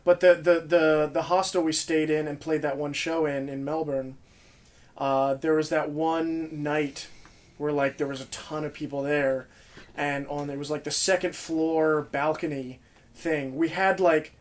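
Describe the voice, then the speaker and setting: A man's voice: fairly high pitch, flat delivery, measured pace. A young man casually telling tour stories as a podcast host, rambling and laughing often. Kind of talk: casual chat.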